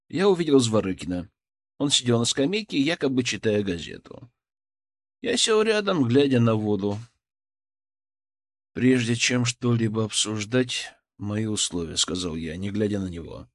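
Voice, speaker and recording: A man reading scripted first-person narration in a steady, matter-of-fact way. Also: medium pitch. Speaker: audiobook narrator.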